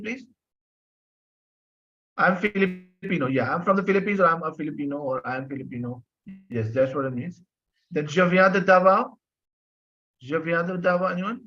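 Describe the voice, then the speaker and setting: Teaching French online, a man with a high-pitched, slightly bright voice patiently explains phrases, repeats himself and questions his students. The recording sounds dull and low-fidelity.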